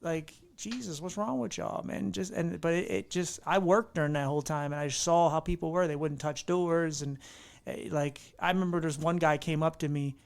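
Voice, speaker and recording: A man's voice: on the high side, fairly even intonation, moderate pace, creaky, no echo. A young man hosting a podcast, ranting animatedly in casual chat and rambling through restarts. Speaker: podcast host.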